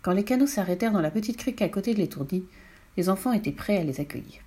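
A woman reading a children's story aloud. Her delivery is clear and expressive, and her pitch sits in a middle range. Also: fast. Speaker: audiobook reader.

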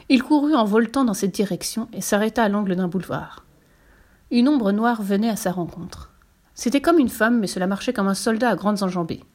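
A woman narrating a children's tale in a measured, expressive reading voice. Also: mid-range voice. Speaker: storyteller.

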